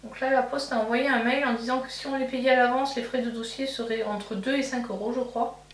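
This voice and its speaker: Her voice is fairly high and steady in tone, and she talks briskly. This woman, a beauty vlogger, chats casually while putting on makeup, rambling and thinking aloud with many fillers, restarts, and self-corrections. The mic is distant, so she sounds off-mic in an echoey room, with a faint hum behind her.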